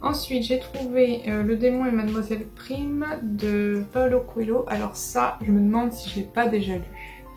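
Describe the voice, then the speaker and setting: Woman, book vlogger, casual and hesitant, gravelly touch, roomy echo. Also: on the high side, steady tone, normal speed, a little mellow, faint music behind. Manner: chatty, hesitant, many fillers and restarts. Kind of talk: casual book haul chat.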